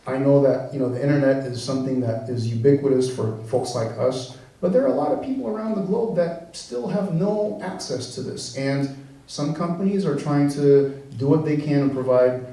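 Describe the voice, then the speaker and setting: An engineering professor, born in the US and raised in Venezuela, gives a public science talk in a mid-range, gravelly voice at normal speed. He sounds relaxed and conversational, with many fillers and restarts. The hall is very echoey and the mic is far off.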